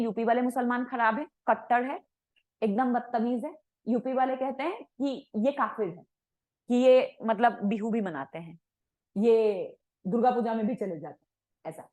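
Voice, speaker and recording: A woman's voice: fairly high pitch, rough recording. A woman teacher giving an online coaching lecture, explaining in a conversational way and mixing English words into her talk. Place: coaching class.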